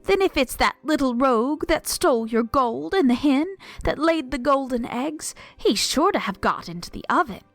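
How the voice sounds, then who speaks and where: A woman voicing an ogre's wife in a storybook reading, chiding and fussing in a bouncy, lively voice. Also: high voice, normal speed, few pauses, no room sound. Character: ogre's wife, scolding fussy giantess.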